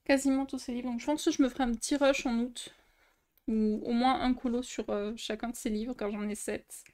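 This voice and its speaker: A woman's voice: fairly high pitch, fairly even intonation, fairly quick, darkish tone. A young woman, chatting casually in a vlog as she shows her coloring books, with many fillers and restarts. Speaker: coloring book youtuber. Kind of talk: casual show-and-tell vlog.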